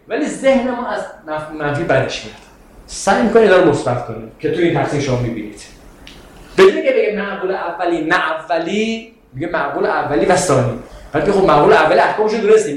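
A man with a high voice gives a classroom philosophy lecture. He talks in an animated, rhetorical way and keeps asking his students questions. His voice rings through a strongly echoing room. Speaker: philosophy teacher. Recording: very echoey room.

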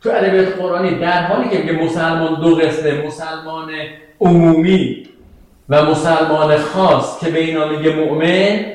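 A man with a high voice teaches a class about Quranic verses, stopping often to ask his listeners questions. He recites the Arabic verses slowly. The room is full of echo. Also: steady tone. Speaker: religious teacher. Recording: very echoey room.

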